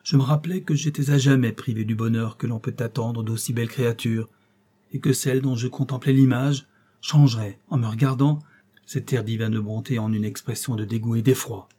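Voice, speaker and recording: A man reading an audiobook aloud in steady, even scripted narration. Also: medium pitch, normal speed, slightly rough. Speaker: audiobook reader.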